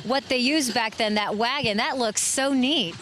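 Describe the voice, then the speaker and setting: A woman's voice: on the high side, normal speed. A woman with a light Southern accent giving an upbeat, chatty live TV field report from an outdoor rodeo arena. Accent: Southern American. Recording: faint outdoor noise.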